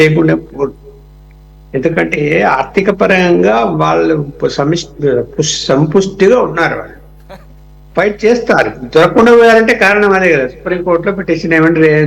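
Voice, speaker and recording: A man's voice: fairly high pitch, vocal fry, low-quality recording. A man on a political debate panel, arguing emphatically and firing off rhetorical questions.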